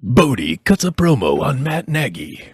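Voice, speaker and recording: A man's voice: medium pitch, very animated, normal speed, slightly rough, no echo, clean studio sound. A man making short segment announcements as a podcast announcer.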